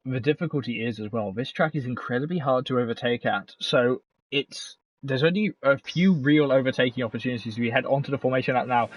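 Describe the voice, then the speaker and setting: A man commentating on an online sim race, fast and animated, with chatty asides between calls. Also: medium pitch, breathy edge, rough recording.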